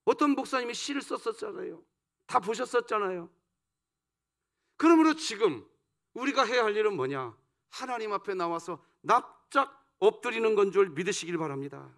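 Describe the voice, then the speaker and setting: High-voiced preaching man. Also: sing-song, moderate pace. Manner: rhetorical questions put to the congregation; swings between loud emphasis and soft low asides. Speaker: pastor. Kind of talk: dawn service sermon. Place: church sanctuary.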